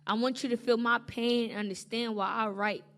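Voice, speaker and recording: A woman's voice: on the high side, fairly even intonation, brisk, fairly bright tone. A young American woman poet speaking on stage, moving between casual introductions and spoken word poetry. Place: live stage before an audience. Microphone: stage microphone.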